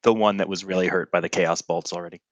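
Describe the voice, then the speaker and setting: A man's voice: sits low, fairly even intonation, quick pace, no room sound, lo-fi sound. A man who is a guest player in a tabletop game, careful and checking details before he acts.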